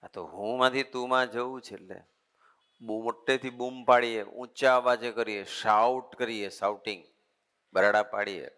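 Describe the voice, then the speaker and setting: A man's voice: medium pitch, steady tone, moderate pace, fairly bright tone. A man, a monk giving a conversational sermon, talking in a folksy way and repeating his points as lists. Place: assembly hall. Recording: long hall reverb.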